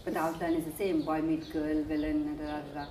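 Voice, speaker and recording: A woman interviewer asking probing questions with quick follow-ups. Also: deep voice, steady tone, gravelly, roomy sound, a crowd in the background.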